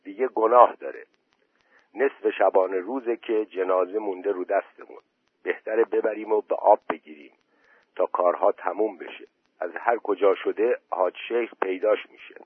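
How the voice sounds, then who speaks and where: A man's voice: low voice, fairly even intonation, husky, no echo. Sensible old village elder, read by a man. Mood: advising. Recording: dry tinny phone-like voice message.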